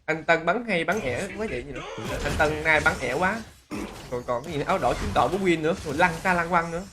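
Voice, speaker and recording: A man doing live gameplay commentary, who exclaims loudly and greets and teases his chat viewers. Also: a little high, lively intonation, quick pace, noisy background. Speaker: game streamer. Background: game music.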